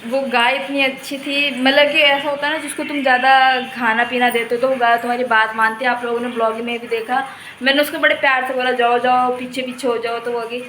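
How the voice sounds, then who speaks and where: Chatty high-voiced young woman vlogger. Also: fairly even intonation, fairly quick, bright, forceful tone, slight background noise, poor audio. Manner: chatty, laughs often, talks to viewers and to a cow. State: unwell, tired. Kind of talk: casual home vlog. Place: indoors and in yard of a home.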